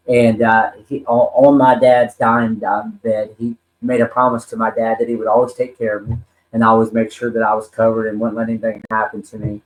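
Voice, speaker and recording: A man in his forties, a wrestler and talent manager, tells his life story as a podcast guest, earnest and rambling with lots of ums and restarts. His medium-pitched voice sounds reverberant on a rough recording.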